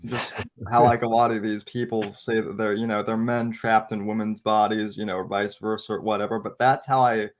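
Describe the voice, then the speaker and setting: A young man in his twenties chats on a live panel in a slightly low voice. He talks earnestly and tends to ramble. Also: little pitch movement, brisk, few pauses, slight background noise. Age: 20s. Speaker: panel guest. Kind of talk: casual panel chat.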